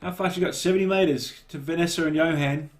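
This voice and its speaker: A man giving relaxed, casual live commentary on a cycling race and cheering riders on by name. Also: fairly high pitch, fairly quick.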